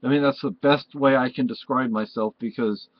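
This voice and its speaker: A Spanish-born vlog host, a native Spanish speaker from Spain, rambles casually to the camera at home, wandering between thoughts and correcting himself often. His voice is mid-range and steady at a normal speed, and the lo-fi recording has no room sound.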